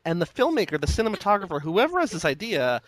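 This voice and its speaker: A podcast co-host talking casually about a movie, relaxed and full of filler words. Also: medium pitch, fast, no echo, poor audio.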